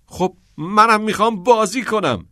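A man voicing a headstrong teenage schoolboy who bursts out excitedly and insists, in an audiobook reading. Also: mid-range voice, no echo, clean studio sound, close to an everyday voice. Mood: eager. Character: eager, headstrong teenage schoolboy dreaming of acting.

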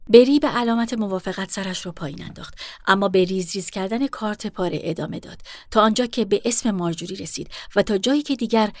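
A woman reading a novel aloud in a measured, even way. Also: mid-range voice, no room sound, clean studio sound. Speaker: audiobook narrator. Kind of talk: scripted narration.

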